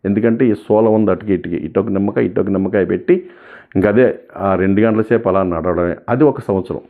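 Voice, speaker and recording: A man giving an emotional personal testimony, telling his story and acting out the voices of the people in it. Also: on the low side. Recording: tinny phone-like sound.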